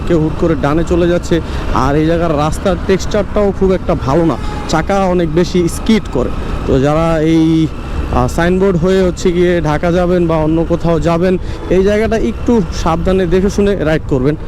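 A man with a Bangladeshi accent giving casual motovlog commentary outdoors as he rides, often padding his explanations with filler phrases. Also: fairly high pitch. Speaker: motorcycle vlogger. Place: outdoors, riding a motorbike on city roads. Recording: clear road and traffic noise.

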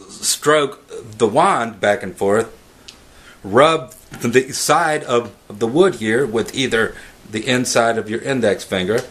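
A man in his thirties hosting a woodworking show, casually showing a project step by step with a relaxed, joking manner, recorded on a fixed camera in an indoor workshop. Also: medium pitch, slight background noise. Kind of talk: casual how-to demonstration.

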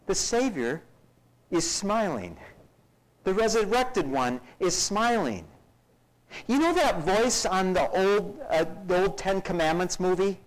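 A male pastor with a high voice preaches animatedly, acting out scenes in varied voices and dropping dramatically to near-whispers. The recording is of low quality.

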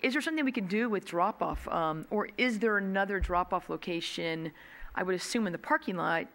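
Middle-aged woman, council member, bright voice, loose conversational remarks at a meeting, desk mic. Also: medium pitch, brisk. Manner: conversational, many ums, gestures with both hands. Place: council chamber, seated at dais. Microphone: desk gooseneck mic.

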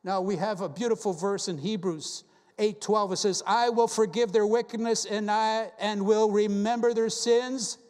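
A man's voice: sits high, steady tone, normal speed, darkish tone, big-room sound. A man preaching a sermon as a guest preacher, earnest and full of rhetorical questions as he quotes scripture. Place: church sanctuary.

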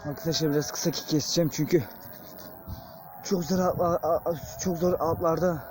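A man's voice: fairly high pitch, steady tone, normal speed. A man filming a ghost-hunting vlog alone in an open field at night, frightened, muttering prayers and curses under his breath. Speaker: paranormal vlogger. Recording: noisy outdoor night recording.

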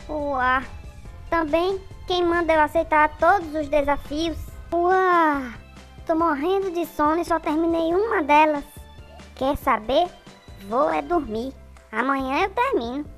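A woman voicing a sleepy, overworked boy inventor in a comic-strip cartoon, proud but weary and yawning. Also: sits high. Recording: music bed behind the voice.

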